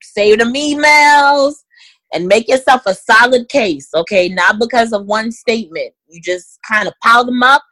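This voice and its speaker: Addressing her audience as guys and ladies, a woman gives forceful career advice during an interview, speaking directly and emphatically. Her voice is on the high side and bright, at a moderate pace, with no room sound but poor audio.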